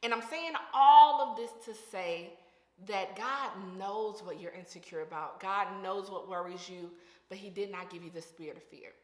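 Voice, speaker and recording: A young woman with a lisp talks to her viewers in a casual, earnest way, full of slang and emphatic repeats. Her voice sits at a middling pitch. The room is roomy, and a long reverb trails each phrase. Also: moderate pace. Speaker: vlogger. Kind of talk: casual faith-based encouragement talk.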